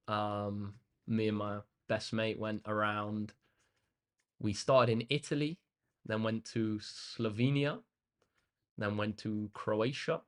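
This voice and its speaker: Clean in tone and fairly low in pitch, this young English maths tutor chats on his livestream, responding to live comments in a relaxed, easygoing way full of ums and uhs. He's indoors in a room that faces a big window.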